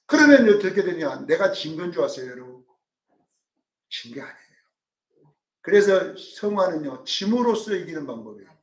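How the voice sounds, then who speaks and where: A male pastor preaching a sermon, dramatic, swinging from loud calls to hushed asides and acting out quotes. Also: on the high side, sing-song, moderate pace, long pauses, distant mic. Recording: roomy sound from off-mic.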